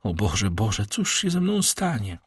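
A man's voice: on the low side, big pitch swings, a little slow, a little mellow, slightly rough, heavily acted. A man reading aloud and voicing a frightened, pious young noblewoman in a pleading, tremulous way.

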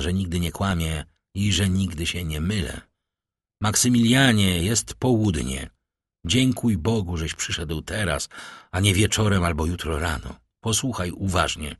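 A man voicing a brooding, commanding count, with slow, hushed and solemn speech. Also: deep voice, slightly rough, no echo, studio quality. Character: brooding powerful count, middle-aged man, grave and commanding.

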